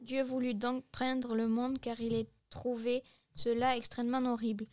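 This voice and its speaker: A woman reading a storybook tale aloud as narrator, flat and list-like. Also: a little high, normal speed.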